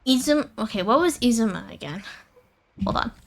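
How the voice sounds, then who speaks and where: Hosting a gaming livestream with music playing, this woman speaks at a moderate pace in a fairly high, expressive voice. Her talk is casual thinking aloud and informal chat with her viewers, with frequent repetition.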